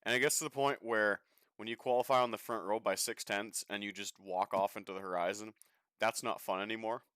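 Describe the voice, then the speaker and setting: A man's voice: lowish voice, steady tone, brisk, a bit bright, clear, resonant tone, no room sound, studio quality. Chatty, profane young man streaming a race. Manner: chatty, swears freely, offhand and joking. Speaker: sim racing streamer. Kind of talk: casual live-stream commentary while racing.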